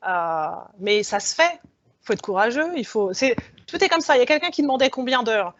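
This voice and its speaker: A woman's voice: fairly high pitch, a little fast, dry recording. A woman speaking frankly and with animation as a guest in a panel discussion. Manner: lively, frank, laughing. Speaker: alumna guest. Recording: dull lo-fi audio.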